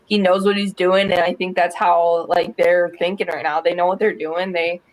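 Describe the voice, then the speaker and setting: A woman's voice: on the low side, flat delivery, normal speed, rough recording. A woman guest on a sports podcast, chatting and telling stories in a bubbly way. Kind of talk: casual sports chat.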